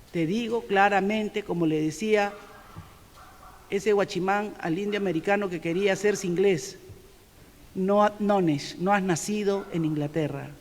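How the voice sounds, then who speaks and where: A middle-aged woman preacher with a Peruvian Spanish accent delivers a sermon in a church sanctuary. She is emphatic, pressing points loudly and then dropping to soft, confessional asides. Her voice carries a long church reverb. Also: mid-range voice, a little hiss or hum. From Peru.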